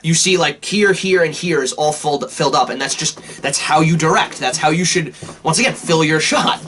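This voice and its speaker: Bright-voiced man riffing on a film. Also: a little high, moderate pace, slight background noise. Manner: animated, swears often, laughs. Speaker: film review podcast co-host. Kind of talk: casual film discussion.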